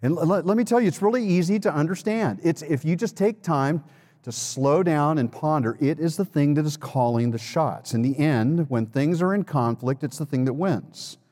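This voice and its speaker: A man's voice: fairly high pitch, normal speed, a little mellow. A man preaching a sermon as pastor, earnest, often repeating words and calling the congregation to respond. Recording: long hall reverb.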